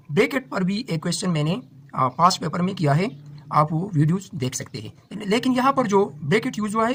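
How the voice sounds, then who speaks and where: High-voiced Pakistani man teaching. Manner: steady explaining, reads English questions slowly. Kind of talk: exam-prep lesson, solving a test paper.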